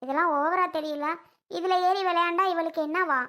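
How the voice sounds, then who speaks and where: A quarrelsome young mother, as a woman acts her out who takes offense on her daughter's behalf. She argues indignantly in a very high, bright, forceful voice in this family comedy. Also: fairly even intonation, moderate pace.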